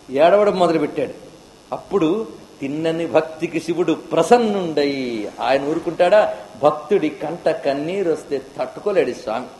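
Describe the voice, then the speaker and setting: A man's voice: fairly high pitch, darkish tone, slight background noise. A man giving a devotional discourse with chanted verses, speaking with impassioned, rising and falling emotion. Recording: echoey hall with long reverb.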